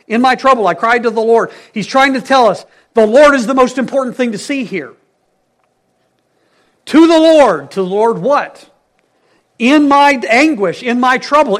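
A man preaching a sermon, stressing key words loudly and dropping to hushed phrases, asking his congregation questions. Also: sits high. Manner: emphatic, swings between loud stresses and hushed phrases.

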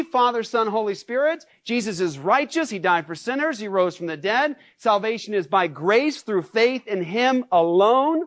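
Animated man preaching a sermon. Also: very high-pitched, dry recording. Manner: animated, conversational preaching with rhetorical questions; acts out shouted scenes. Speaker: pastor.

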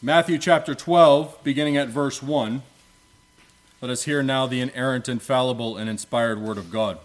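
A man leading prayer and reading scripture from a pulpit microphone in a church, in a solemn, measured way with archaic biblical wording. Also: mid-range voice. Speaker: preacher.

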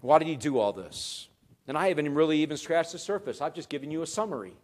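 A pastor delivers a sermon in a fairly high male voice. He pushes phrases up loud and emphatic, then lets them fall quiet and low. The preaching is earnest and emphatic throughout. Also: animated, fast talker.

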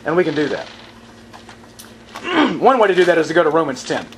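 A man's voice: fairly high pitch, big pitch swings, brisk, background noise. A man teaching from the Bible in a sermon style, asking the audience questions and repeating verse references.

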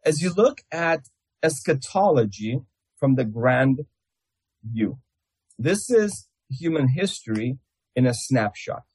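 Man, Russian accent, husky tone, theology lecturer, explanatory step-by-step delivery. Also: mid-range voice, very animated, slow, long pauses, darkish tone. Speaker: Bible teacher.

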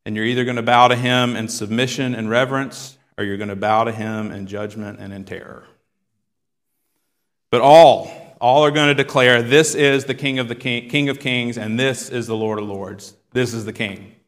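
A man's voice: medium pitch, fairly even intonation, moderate pace, fairly bright tone. A male pastor preaching a sermon and reading scripture aloud, voicing the quoted cries with rising force. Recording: long hall reverb.

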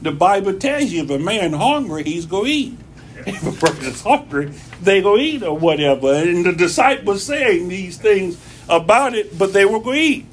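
Folksy preacher man, slightly high voice. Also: sing-song, moderate pace, a little hiss or hum. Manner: folksy, repeats phrases for emphasis. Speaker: pastor. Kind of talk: conversational sermon. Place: church.

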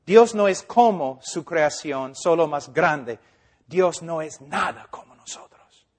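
Male preacher, high voice, unhurried delivery, drops to near-whispers and builds to shouts. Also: animated. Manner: swings from hushed to loud and emphatic. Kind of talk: sermon.

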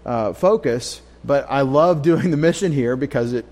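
A man's voice: mid-range voice, moderate pace, a little mellow. A man preaching a Bible study sermon as pastor of a church, emphatic, repeating key lines and restarting phrases as he goes.

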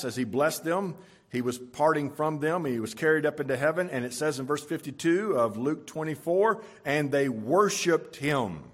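Man, pastor, sermon, husky, slightly high voice, emphatic scripture reading. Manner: reads scripture aloud with emphatic rises. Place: church sanctuary.

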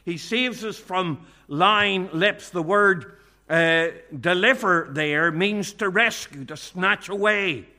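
A man preaching a sermon at a church meeting, earnest and measured, often quoting scripture. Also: high voice, sharp tone.

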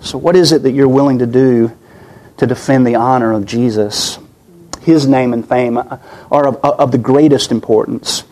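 A man's voice: medium pitch, fairly even intonation, normal speed, a little mellow. A man preaching a sermon in an earnest way, often repeating and restarting his words, his voice weak and worn.

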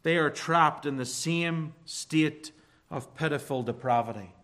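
A man with an Irish accent preaching a sermon in church, earnest and emphatic, asking rhetorical questions and slowing down to stress key phrases. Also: fairly high pitch, fairly bright tone.

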